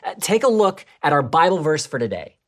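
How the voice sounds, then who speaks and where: A woman with a low voice co-presents a scripted children's church lesson. Her pitch swings widely as she tells the story, turning from excited to hushed. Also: fairly quick.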